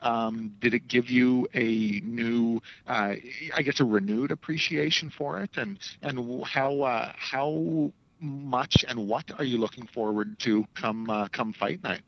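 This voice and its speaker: A man with a mid-pitched voice asks press questions over a dry, muffled phone line. He is hesitant, stammering and rambling as a reporter. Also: fairly even intonation, a little slow, dry recording. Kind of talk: press questions on a conference call. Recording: dull conference phone line.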